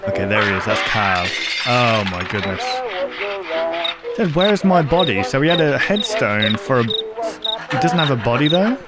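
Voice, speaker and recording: A very animated man with a medium-pitched voice speaks a little slowly, reacting casually on his YouTube channel to horror videos viewers recommended. He thinks aloud and often poses questions while music plays prominently behind him.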